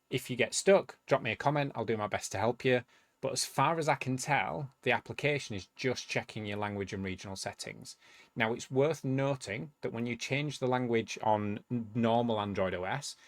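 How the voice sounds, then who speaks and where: Studio-quality and dry, this clip features a man with a medium-pitched voice hosting a tutorial video. In a relaxed way he leads viewers through a tech task step by step, explaining and thinking aloud as he demonstrates.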